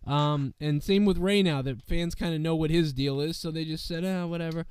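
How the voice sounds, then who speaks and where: In a dry, clean recording, a sick male podcast host whose voice is fading offers rambling, profane commentary on the show. He speaks at a normal speed in a fairly high, slightly mellow voice, sprinkling in "you know what I mean."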